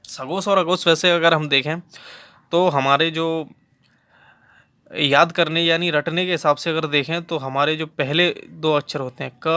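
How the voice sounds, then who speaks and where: A man's voice: a little high, pushed and bright, clear, resonant tone. A man teaching a lecture on phonetics for exam preparation, patiently repeating key terms and sounding out letters to demonstrate them. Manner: patient, repeats key terms and demonstrates sounds aloud, frequent "theek hai" check-ins.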